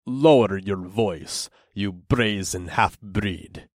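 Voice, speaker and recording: An actor playing a large, disapproving orc bartender with a gruff, hissing voice, slow and stern. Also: male voice, lowish voice, dry recording, clean studio sound, pitched below the performer's own voice.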